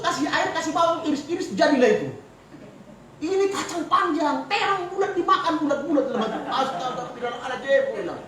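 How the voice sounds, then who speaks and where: A man with a Batak Indonesian accent, preaching a sermon in a church and telling stories with animated, joking delivery. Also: extremely high pitch, far from the mic. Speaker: pastor. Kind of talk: humorous sermon. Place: church hall. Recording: echoey church hall from afar, faint noise.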